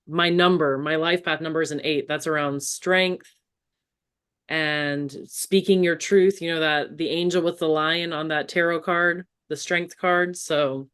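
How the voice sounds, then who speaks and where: A woman's voice: lowish voice, a bit bright, clean tone. A woman hosting a spiritual podcast, enthusiastic and encouraging in casual chat. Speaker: podcast host.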